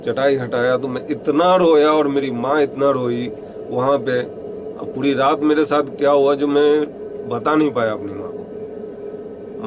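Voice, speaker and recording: A man narrating a first-person ghost story in a rustic, halting storytelling manner, his voice often dropping low and hushed. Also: background noise. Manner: rustic storytelling, many pauses, some quoted lines spoken low and hushed.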